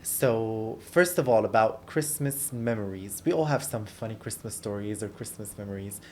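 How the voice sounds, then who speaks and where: A man hosting a podcast, putting friendly questions to a guest in a relaxed interview. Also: lowish voice, normal speed. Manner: friendly, question-led, occasional restarts. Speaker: podcast host. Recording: faint background noise in a studio.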